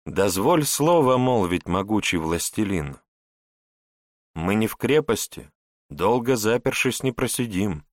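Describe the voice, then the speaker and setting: A man reading an audiobook, voicing a wise foreign adviser who speaks slowly and formally. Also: fairly low pitch, very animated, no room sound, studio quality. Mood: measured. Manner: slow, measured and formal. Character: wise old Saracen male adviser.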